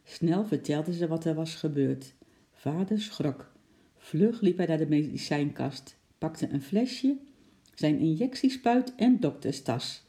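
Dark-voiced woman reading a storybook. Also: low voice, slow. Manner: expressive, dramatic narration. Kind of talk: children's storybook read-aloud.

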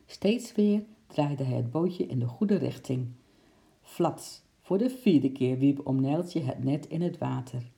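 A man reading a children's story aloud in lively storytelling style, switching into voices for the characters. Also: medium pitch, slow, creaky. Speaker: narrator.

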